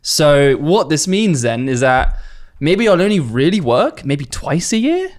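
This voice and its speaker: A man's voice: a little high, big pitch swings, a little slow. A man, talking through his career as a podcast guest in a reflective, casual way with the odd swear word. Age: late 20s. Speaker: guest video editor.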